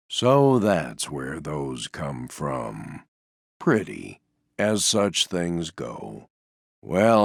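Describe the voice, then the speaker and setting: A man voices a gloomy, resigned stuffed donkey for video game lines, using a deep, gravelly, mournful drone and a gentle, self-effacing manner. It's a full character performance with studio quality and no room sound.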